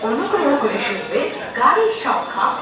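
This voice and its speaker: A woman giving formal, measured train announcements over a railway station loudspeaker. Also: high voice, very animated, music in the background. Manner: measured, formal, word-by-word delivery. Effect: played over station loudspeaker. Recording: echoey distant station loudspeaker.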